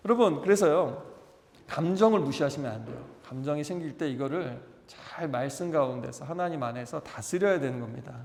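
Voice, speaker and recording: A male pastor delivering a Sunday sermon in a high, lively voice that climbs and dips as he acts out the people he quotes. The sound rings through a roomy church hall, with a long reverb trailing each phrase.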